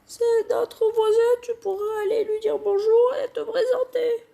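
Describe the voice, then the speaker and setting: A woman voicing an annoying neighbor mother in a squeaky, drawn-out voice. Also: little pitch movement, vocal fry, dark tone, full character voice. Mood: shrill.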